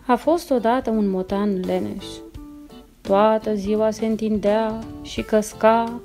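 A woman reading a children's story aloud, slow and expressive. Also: mid-range voice. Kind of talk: children's audiobook narration. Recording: soft instrumental music behind.

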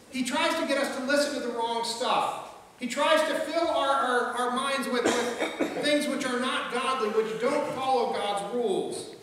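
A middle-aged pastor with a very high-pitched, sharp voice preaches a conversational sermon from the pulpit of a large church, repeating words, telling jokes, and quoting voices. A pulpit mic and a distant camera pick him up in an echoey hall with faint ambience, a little hiss or hum, and a far-off sound.

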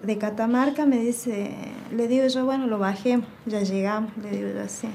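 An Argentine woman tells her own story in an interview, relaying past conversations word for word. Her voice sits a little high but has a gravelly, dark tone. A faint hiss runs underneath. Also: fairly even intonation, moderate pace. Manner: recounting events by quoting dialogue, low and subdued. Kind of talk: personal testimony.

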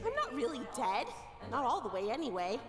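A woman's voice: fairly high pitch, wildly swooping pitch, a little fast. An actress playing a perky young dead woman in a cartoonish video game, chatty, informal and earnest. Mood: earnest, exasperated. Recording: echoey reverb over game music.

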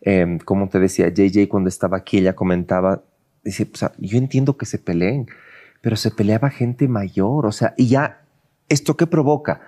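A man hosting a talk show, asking questions in a relaxed, halting way and often repeating words. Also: fairly low pitch. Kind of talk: casual interview.

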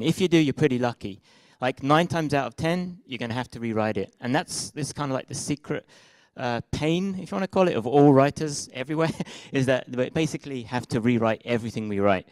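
A young man with a British accent, from Britain and Israel, gives a casual meetup talk into a handheld microphone in a room with projected slides, hesitating with many fillers and restarts. His mid-range voice has a darkish tone. The recording is rough, with no room sound.

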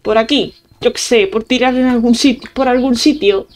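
A woman's voice: fairly high pitch, steady tone, normal speed, darkish tone. A woman with a Spain Spanish accent giving casual, playful gameplay commentary, chatting to her viewers and muttering little sound effects as she plays. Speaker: gaming channel host.

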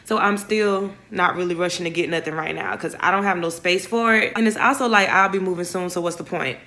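A woman's voice: on the low side, fairly quick, bright, forceful tone. A young woman, chatting casually to viewers in a vlog from her phone. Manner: chatty, rambling, addresses viewers as y'all. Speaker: vlogger. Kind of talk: casual vlog chat to camera. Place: home living room, then parked car. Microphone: phone camera at arm's length.

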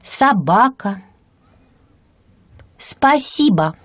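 Woman reading single words, slow and lilting. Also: mid-range voice, lively intonation, no echo. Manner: clear deliberate enunciation of single words. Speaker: native-speaker model reader. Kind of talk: slow careful word-by-word reading.

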